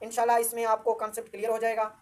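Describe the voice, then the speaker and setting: A woman gives a grammar lesson. She asks questions and answers them herself, and reads English definitions out slowly and deliberately. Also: on the high side, monotone. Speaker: grammar teacher. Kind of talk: classroom-style grammar lesson.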